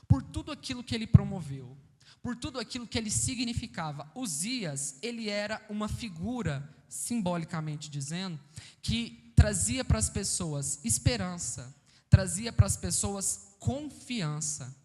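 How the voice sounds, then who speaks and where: A man's voice: high-pitched, expressive, a little slow, darkish tone. A man with a Brazilian accent preaching a sermon, explaining a passage and asking the congregation questions. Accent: Brazilian Portuguese. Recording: reverberant church hall.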